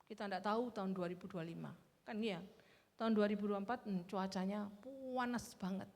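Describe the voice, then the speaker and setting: Gravelly-voiced woman preaching in a church hall. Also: mid-range voice, a little fast, a little mellow. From Indonesia. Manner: conversational preaching, keeps adding "ya" and "kan ya". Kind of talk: sermon. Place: church sanctuary. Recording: long hall reverb in a church.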